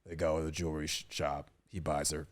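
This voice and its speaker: A young man with a very deep voice tells a story on a casual podcast. He talks in a crude, animated way and swears a lot. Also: fairly quick. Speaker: podcast co-host.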